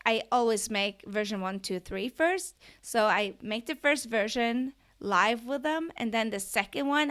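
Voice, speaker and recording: Slightly high and a bit bright, this Norwegian-accented woman from Norway delivers a chatty, eager podcast monologue as an online business coach. She keeps asking the listener questions.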